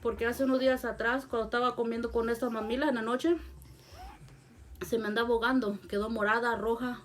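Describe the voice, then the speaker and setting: Mother, gentle coaxing home-video talk, filmed on a phone, voice a bit high. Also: fairly even intonation, brisk. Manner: soft coaxing, repeats endearments to the baby. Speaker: mother feeding her baby. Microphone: phone held by someone else.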